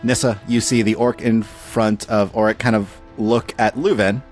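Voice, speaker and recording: A man narrating and running a tabletop game as game master, telling the story with lively energy. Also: fairly low pitch, normal speed, faint music behind. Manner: lively storytelling, laughs often.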